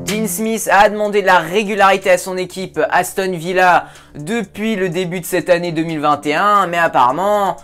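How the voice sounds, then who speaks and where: A man hosts a casual football talk show vlog, chatting and joking with viewers and hesitating frequently. His voice sits high and a bit bright, with a steady tone and moderate pace, over soft background music.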